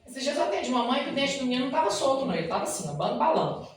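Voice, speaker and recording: Man lecturing in a booming echoey hall. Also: rapid-fire, a little hiss or hum. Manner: animated storytelling, often addressing the audience. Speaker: dentist giving a lecture. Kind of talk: spoken lecture with told stories. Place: lecture hall at a spiritist center. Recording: very echoey hall, mic far off.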